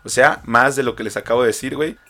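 A man's voice: medium pitch, fast talker, sharp tone. A young man with a Mexican accent co-hosting a casual comedic podcast, talking like a laid-back frat bro with slangy, profane, joking banter. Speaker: podcast co-host.

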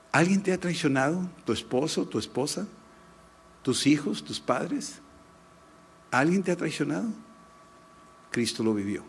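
A middle-aged man with a Mexican Spanish accent, preaching a sermon and telling a personal story in a lively, emphatic way. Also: mid-range voice, slightly rough. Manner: lively, shifts between animated anecdote and slow emphatic teaching. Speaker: pastor.

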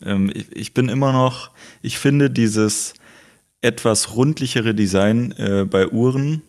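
A man co-hosting a casual tech podcast, musing out loud with hesitations. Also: mid-range voice, takes it slowly. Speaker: podcast co-host.

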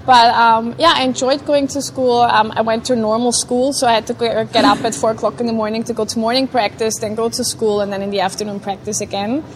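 A woman, a neuroscientist answering interview questions in a hesitant, thoughtful way with many pauses. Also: fairly high pitch, fairly even intonation, slight background noise. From Vienna, Austria. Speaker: guest, neuroscientist. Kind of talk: casual interview chat.

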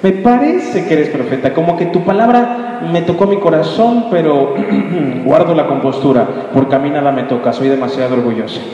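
A man's voice: fairly high pitch, slow pace, long pauses, mellow, dull audio. A preacher voicing a proud, mocking Samaritan woman at a well, in a sermon heard from far off in an echoey hall. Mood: mock-humble.

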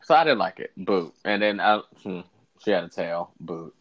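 A man's voice: low-pitched, moderate pace, noisy background. A man casually reviewing fashion looks as co-host, sassy and blunt with campy slang, in a lo-fi recording. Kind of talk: casual chat, commentary.

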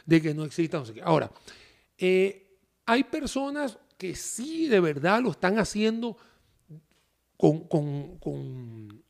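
A man's voice: high-pitched, slow pace, vocal fry. A man, chatting casually as a guest, joking and laughing as he talks. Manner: animated, joking, laughs while talking. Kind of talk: casual chat.

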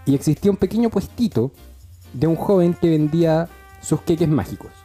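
A man's voice: on the high side, a little fast, dark tone, husky, soft background music. A young man with a Chilean accent telling stories in a casual podcast chat. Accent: Chilean Spanish. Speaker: podcast co-host.

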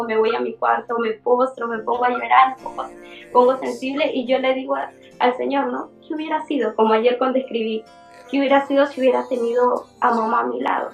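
A woman in her twenties, a young church leader, giving an emotional personal testimony in a halting way, with many fillers and restarts. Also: on the high side, vocal fry, highs cut off. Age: 20s.

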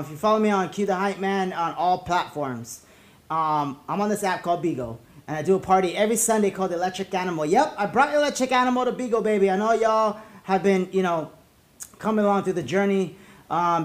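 A man with a notably high voice hosts a casual show. He rambles in a stop-and-start way, dropping party slang like a hype man. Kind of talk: casual, slangy host chat.

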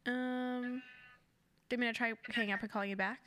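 A woman co-hosting a casual podcast chat over a bad call connection that breaks up and pauses. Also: on the high side, steady tone, fairly bright tone, clear, resonant tone. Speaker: podcast co-host.

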